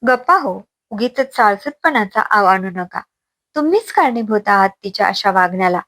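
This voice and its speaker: Brief: woman narrator voicing arrogant young husband, scornful and cutting, quick and raised. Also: a little high, big pitch swings, no echo. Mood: sneering. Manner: sneering, rapid accusations.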